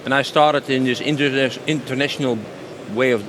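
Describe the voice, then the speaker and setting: Interviewed at his trade show stand, a company sales director in his 50s replies spontaneously and with enthusiasm in a mid-pitched voice. His intonation is fairly even and his pace fairly quick, he often repeats a phrase for emphasis, and busy exhibition-floor noise is obvious in the background.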